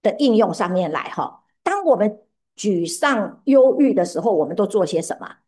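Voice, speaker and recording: Woman preacher, sermon delivery, engages the room with questions, lively rising and falling voice. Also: mid-range voice, normal speed. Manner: animated, often asks listeners questions.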